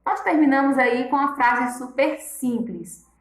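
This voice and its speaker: Patient teacher woman in an echoey room. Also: high-pitched. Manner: patient, repeats each rule slowly with checking questions. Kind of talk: classroom lesson, correcting exercises.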